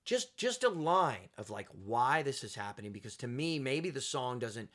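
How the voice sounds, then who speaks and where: A man, a music producer guest, telling stories in a relaxed podcast chat and acting out quoted voices. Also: medium pitch, normal speed. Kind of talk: casual podcast conversation.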